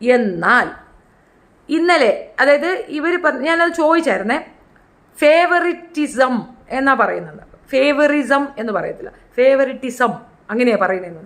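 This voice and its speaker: Chatty high-voiced woman commentator. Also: lively intonation, normal speed, a bit bright. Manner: chatty, opinionated, acts out quotes in high voices. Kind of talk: casual reality show commentary.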